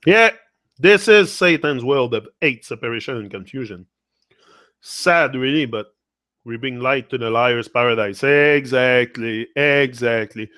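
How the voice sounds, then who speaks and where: A Québécois livestream host reads comments and chats casually, mixing English and French within single thoughts and tacking "là" onto phrases. His mid-range voice is pushed, bright and clean, delivered at a measured pace in a dry, clean studio recording.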